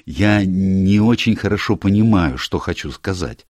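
A man's voice: low voice, animated, measured pace, darkish tone, dry recording, pitched above the performer's own voice. A man voicing a tired, cautious older lawyer in an audiobook, probing and careful in his questions. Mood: weary, cautious. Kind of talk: audiobook character reading.

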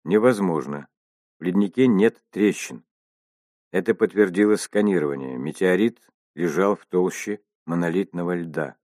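A man reading an audiobook voicing a massive, gruff male space agency chief with a stern, booming roar. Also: normal speed, darkish tone, no echo, clean studio sound, lightly acted.

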